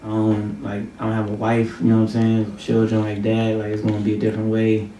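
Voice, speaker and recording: Man, 20s, guest, relaxed slangy speech, faint background noise, roomy. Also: on the low side, a little fast, recorded from a distance. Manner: laid-back, slangy, earnest. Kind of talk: casual chat.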